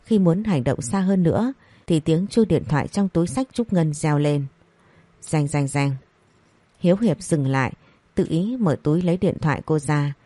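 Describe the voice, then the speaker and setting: A woman narrating a scripted story, reading each character's lines in the same even voice. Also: low voice, normal speed, no echo. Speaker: audiobook narrator.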